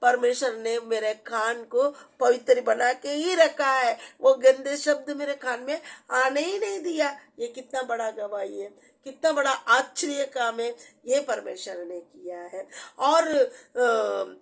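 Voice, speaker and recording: High-voiced woman giving earnest testimony. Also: a little slow, vocal fry. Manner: earnest, repetitive storytelling with restarts. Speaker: church member giving testimony. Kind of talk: personal testimony.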